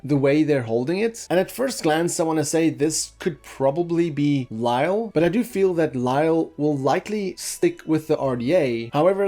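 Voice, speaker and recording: A man hosting a commentary video, calmly explaining details of film concept art and thinking aloud as he goes. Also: on the high side. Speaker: video host.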